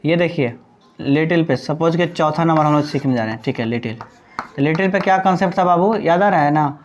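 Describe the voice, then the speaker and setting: This male English teacher's voice sits a little high and moves a little fast, captured in lo-fi sound with slight hiss or hum. During his grammar lesson he mixes Hindi and English terminology, posing questions to the students only to answer them on his own.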